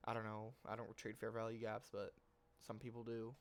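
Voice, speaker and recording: A trading channel host with a cold speaks in a lowish monotone at a moderate pace while recapping trades on a casual screen share. He rambles in informal slang, keeps correcting himself, and swears mildly.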